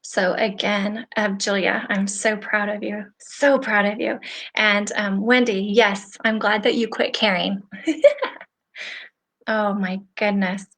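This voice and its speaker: A woman's voice: mid-range voice, takes it slowly. Chatty, earnest middle-aged woman. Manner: earnest and chatty, speaking directly to viewers; animated, with frequent laughter. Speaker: host of a live stream for nail professionals. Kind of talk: casual motivational live-stream talk.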